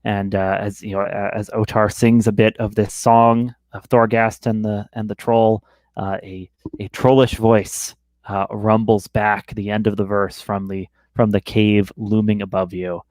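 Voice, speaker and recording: Low-voiced, halting man running a game. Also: flat delivery, darkish tone, no echo. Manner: halting, repeats words. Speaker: game master. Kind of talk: narrating a tabletop role-playing game.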